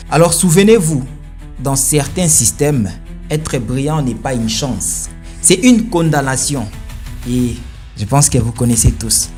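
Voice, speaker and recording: Emphatic male commentary host. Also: mid-range voice. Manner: emphatic, rhetorical, rising to forceful peaks. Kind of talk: opinionated commentary.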